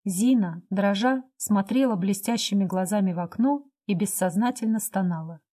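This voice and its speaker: A woman narrating a classic novel as an audiobook in a measured, expressive reading style. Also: medium pitch.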